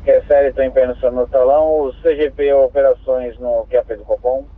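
A man's voice: medium pitch, fairly even intonation, brisk, no room sound. A man with a Brazilian accent working as a police radio dispatcher, formally and courteously reading out codes and numbers over two-way radio. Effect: two-way radio transmission. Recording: tinny narrow-band police radio.

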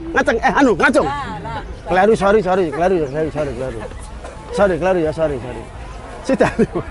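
A man with a Central Javanese accent selling lamps at an outdoor market, loudly joking and haggling prices down. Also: high voice. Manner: loud, joking, rapid counting and haggling. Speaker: street vendor selling lamps. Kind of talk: market sales patter, auctioning down prices.

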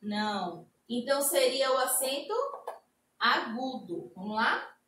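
A woman teacher with a Brazilian accent, slowly explaining a lesson to young children and drawing out her example words. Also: fairly high pitch, lively intonation, bright, forceful tone. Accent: Brazilian Portuguese. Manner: slow, sing-song explaining with drawn-out example words. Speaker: primary school teacher. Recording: echoey room, a bit distant mic.

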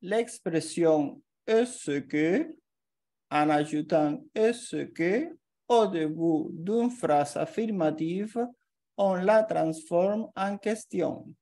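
Female language teacher, lowish mellow voice, very slow, careful delivery of scripted examples. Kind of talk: slow scripted grammar lesson.

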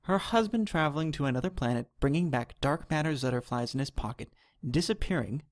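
Man narrating a storybook, fairly high voice. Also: lively intonation, fairly quick.

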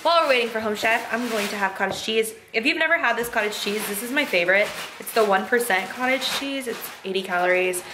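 A woman's voice: on the high side, fast talker, hardly any pauses, echoey room, noisy background. A woman vlogging casually from her home kitchen, chatty and upbeat, rambling through asides to a camera set down nearby. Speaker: lifestyle vlogger.

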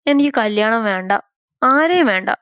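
A woman's voice: fairly high pitch, expressive, moderate pace, clean tone, dry recording, lightly acted. Woman doing a sulky, childlike young woman. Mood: pouting. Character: young woman, lonely, tearful, pouting. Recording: slightly dull, dry recording.

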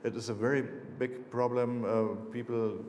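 A German-accented author in his fifties, a native German speaker, sits on stage in a lecture hall answering audience questions about his books. He sounds hesitant, full of fillers and restarts, in a mid-range, darkish voice with little pitch movement and normal speed. The room echo is noticeable, and there's slight background noise.

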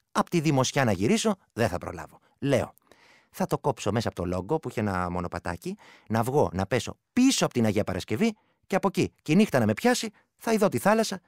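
Rustic storytelling villager. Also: male voice, medium pitch, dry recording, studio quality. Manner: storytelling, rustic dialect, shifting loud and hushed. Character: village man, soldier telling a folk tale. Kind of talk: radio play acting.

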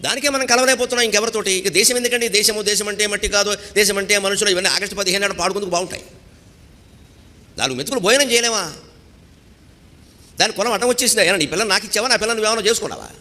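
A man's voice: sits high, rapid-fire, pushed and bright, in a large hall. A man giving a devotional discourse, asking rhetorical questions and quoting Sanskrit verses. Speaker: spiritual speaker.

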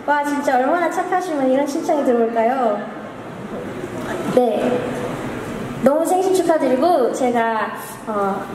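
Young woman, high voice, bubbly halting stage talk, echoing hall with crowd noise. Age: young adult. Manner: bubbly, halting, self-correcting. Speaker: singer hosting her own concert. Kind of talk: casual stage talk and reading aloud to fans. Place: on stage in a large indoor concert venue. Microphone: handheld stage microphone. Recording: echoey concert hall, crowd noise behind.

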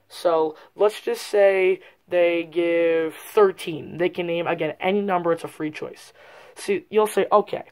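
A presenter giving an informal, explanatory step-by-step card trick tutorial in a casual way. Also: mid-range voice. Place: indoors at a card table.

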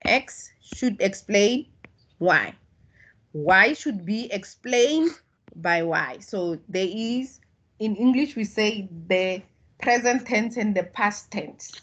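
Over a video call, a Tswana-speaking South African woman patiently walks through statistics in an online tutorial, taking it slowly and often restarting. Her voice sits on the low side, a bit bright with a breathy edge.

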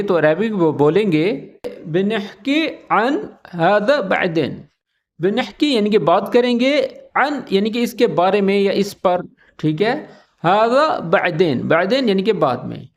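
A man with a Pakistani Urdu accent giving a casual Arabic lesson, repeating each phrase slowly and often checking in with the listener. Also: high-pitched. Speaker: Arabic teacher. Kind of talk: casual spoken language lesson.

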